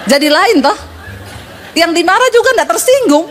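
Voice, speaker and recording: A woman pastor with a high voice preaching to her congregation. She tells stories with humor and speaks straight to her listeners. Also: animated, moderate pace, a faint crowd, slight background noise. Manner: humorous storytelling, addresses congregation. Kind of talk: sermon.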